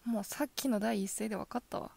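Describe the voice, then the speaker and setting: A woman voicing a possessive yandere girlfriend in a soft ASMR role-play, sweetly coaxing with quiet menace. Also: fairly high pitch, quick pace, creaky. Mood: coldly jealous. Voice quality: soft, often dropping in a soft voice. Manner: yandere: sugary coaxing turning quietly threatening.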